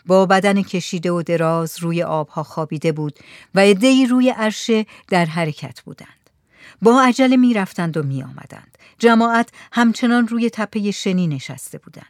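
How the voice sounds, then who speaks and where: A woman narrating a story in a soft, hushed reading voice. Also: medium pitch, dry recording, clean studio sound.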